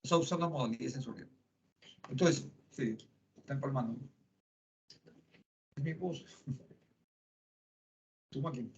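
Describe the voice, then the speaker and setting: A man's voice: medium pitch, a little slow, gravelly, pauses often. A middle-aged man giving a psychology lecture in a classroom, conversational and full of tag questions. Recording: lo-fi classroom recording.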